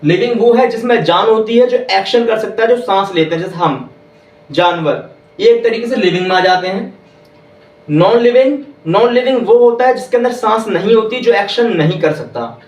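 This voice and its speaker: High-voiced man teaching from a distance. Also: lively intonation, lo-fi sound. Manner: repeats each point slowly, quizzes listeners. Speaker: English grammar teacher. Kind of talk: classroom lesson. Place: classroom with whiteboard. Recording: echoey room, voice from far off.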